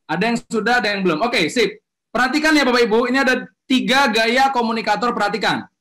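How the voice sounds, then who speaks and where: A quick-talking man with a fairly high voice leads an online webinar as a communication trainer. He keeps pressing the audience to speak up, lively and coaxing, and the sound comes through a video-call mic. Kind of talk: energetic online webinar presentation.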